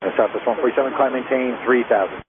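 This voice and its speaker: A man's voice: mid-range voice, steady tone, quick pace. A man working as an air traffic controller, giving terse, procedural instructions over aviation radio. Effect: aviation radio transmission. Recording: tinny radio link, clear static noise.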